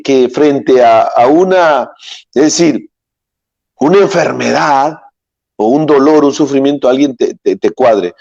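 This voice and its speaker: A middle-aged priest preaching in a loose, storytelling way, trailing off and hunting for the right word. His voice sits at an ordinary pitch. The recording is dry and slightly muffled, with no room echo. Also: a little mellow. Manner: rambling, searches for words, many fillers. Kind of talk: homily with anecdotes. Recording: dull, dry lo-fi sound.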